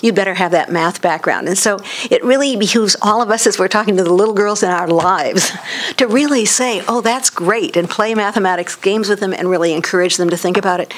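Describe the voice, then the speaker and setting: A woman's voice: mid-range voice, brisk. An academic woman on a panel, recounting stories at an easy, chatty pace. She breaks into light laughs as she talks. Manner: warm anecdotal, laughs often. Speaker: panelist, professor. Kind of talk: storytelling on a panel. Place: lecture room.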